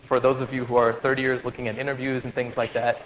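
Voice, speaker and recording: A man's voice: mid-range voice, flat delivery, fast talker, muffled recording. A man in his forties addresses medical students in a lecture hall, his voice carrying a long reverb tail. He talks casually with jokes, fillers and restarts, over a faint background hum. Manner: conversational, joking, many fillers and restarts.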